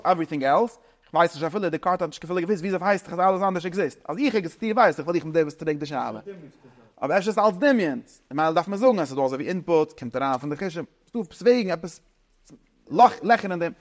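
A man giving an informal philosophy lecture, halting and searching for words and often mixing in English terms. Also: high-pitched. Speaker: teacher.

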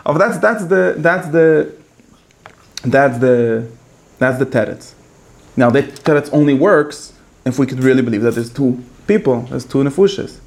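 A man giving a casual, animated lecture that switches between languages, with many halting restarts. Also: medium pitch, gravelly. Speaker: teacher.

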